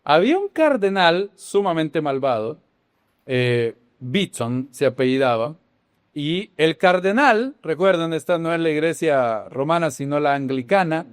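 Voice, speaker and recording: A male Bible teacher, preaching in an animated way. His pitch climbs and falls across a wide range and sits a little above the usual for a man. The sound is close and dry, with no room echo. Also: a little slow, clean tone. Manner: animated, with sudden swings between loud exclamations and hushed dramatic lines; asks the audience questions. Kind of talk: sermon-style teaching.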